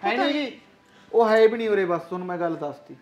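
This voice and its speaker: A man's voice: sits high, lively intonation, fast. A man playing a callous, greedy son-in-law who talks in a pushy, dismissive way in a village short film.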